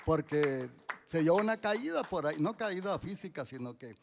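An older man in his sixties speaks with a gravelly, creaky edge. His pitch sits somewhat high for a man, and he gives a church testimony haltingly, with frequent restarts and fillers. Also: expressive, a little hiss or hum. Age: 60s. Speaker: church member giving testimony.

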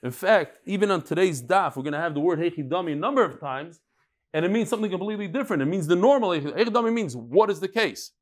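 Older-ish rabbi guy, bit high pitched, chatty talmud class, asks questions then answers them. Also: lively intonation, racing. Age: middle-aged or older. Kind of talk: informal lecture with chatty asides.

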